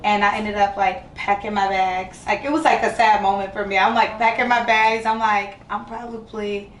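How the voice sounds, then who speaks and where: A woman's voice: medium pitch, level tone, moderate pace. Chatty woman guest in an echoey room. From Georgia, US. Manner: chatty, many fillers like "like". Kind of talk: casual chat. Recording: echoey room, far from mic, faint noise.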